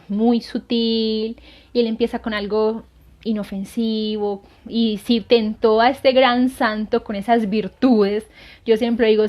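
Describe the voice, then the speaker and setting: A woman's voice: on the high side, a little mellow. Earnest woman telling a saint's life. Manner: earnest, hesitant with frequent fillers. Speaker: lay missionary. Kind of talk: devotional storytelling. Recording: dull lo-fi sound.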